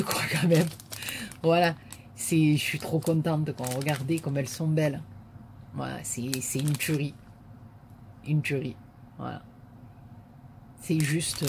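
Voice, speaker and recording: A woman's voice: low voice, darkish tone, a little hiss or hum. A woman vlogger chatting casually to viewers as she unboxes a parcel, gushing and repeating her words of praise with many fillers.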